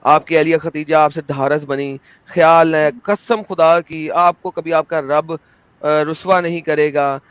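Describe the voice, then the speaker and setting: A man's voice: a little high, steady tone, a little slow, clear, resonant tone, no room sound. A young man hosting an online debate, talking in a theatrical, emphatic and combative way over a video call. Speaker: debate host. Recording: dull lo-fi dry sound.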